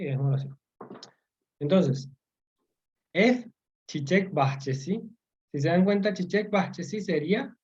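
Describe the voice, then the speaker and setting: Patient man teaching slowly, dull lo-fi call. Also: a little high, warm tone. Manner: patient, repeats words and checks understanding. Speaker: language teacher. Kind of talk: informal online tutoring.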